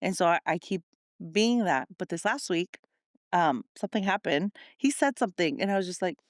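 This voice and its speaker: A woman's voice: on the low side, expressive, dry recording, studio quality. Joking young woman telling a story. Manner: joking, storytelling, quick to laugh. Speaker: podcast co-host. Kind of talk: casual faith chat.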